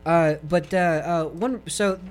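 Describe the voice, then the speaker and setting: A man's voice: on the high side, slow pace, clear, resonant tone, faint music behind. A man co-hosting a casual podcast chat, recounting case details in a laid-back way with many fillers. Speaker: podcast co-host.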